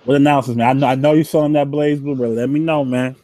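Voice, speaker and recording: A man's voice: medium pitch, steady tone, fast talker, dark tone, no room sound. Laid-back man hosting a gaming chat. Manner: laid-back, laughs a lot, repeats words. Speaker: podcast host.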